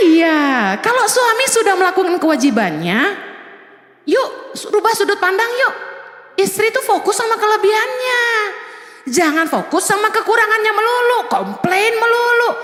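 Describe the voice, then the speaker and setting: Woman preacher, lively sermon, English phrases mixed in, long hall reverb. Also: extremely high pitch, moderate pace. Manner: lively, mixes in English phrases, acts out examples. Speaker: pastor.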